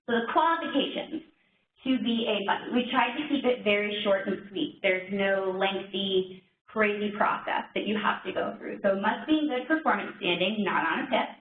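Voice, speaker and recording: A woman's voice: medium pitch, expressive, normal speed. Upbeat woman presenting in an echoey room. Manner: upbeat, chatty, self-joking. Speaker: HR trainer presenting a program. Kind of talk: informational session presentation. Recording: echoey room, phone-like lo-fi sound, faint noise.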